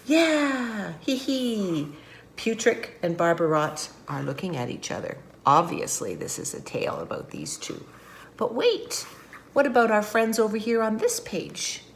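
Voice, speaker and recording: A woman's voice: lowish voice, a little hiss or hum. An older woman reading a picture book aloud to children, chatty and playful with friendly asides. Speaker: guest reader.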